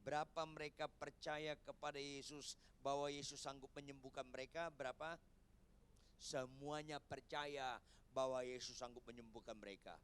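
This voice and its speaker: A middle-aged man preaching a sermon in a large church, animated and teasing the congregation and shouting for emphasis. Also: mid-range voice, normal speed, clear, resonant tone. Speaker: pastor.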